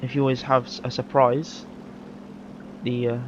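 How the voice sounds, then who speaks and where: While playing a video game, a man gives casual, rambling live commentary, easily correcting himself mid-sentence. His mid-range voice is flat and darkish at normal speed, caught on a dull lo-fi mic alongside game engine and vehicle noise.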